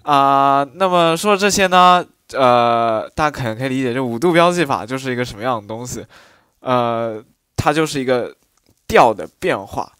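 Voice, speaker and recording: A man's voice: medium pitch, expressive, normal speed, fairly bright tone, clean tone, dry recording. Man teaching tones, drawing out syllables. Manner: explains step by step, drawing out single syllables to show the tones. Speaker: dialect teacher. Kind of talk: spoken lesson on dialect tones.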